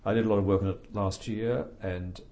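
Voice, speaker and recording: An older man speaks in a very deep, mellow voice, answering interview questions at a measured, reflective pace. He pauses often with fillers and slips in dry, understated humor. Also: fairly even intonation. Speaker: author being interviewed.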